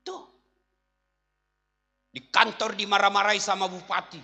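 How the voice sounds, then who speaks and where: A male Islamic preacher giving a humorous sermon, telling jokes and stories and sometimes shouting to the crowd. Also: high-pitched, measured pace, gravelly. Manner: animated storytelling, jokes, bursts of shouting. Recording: reverberant hall.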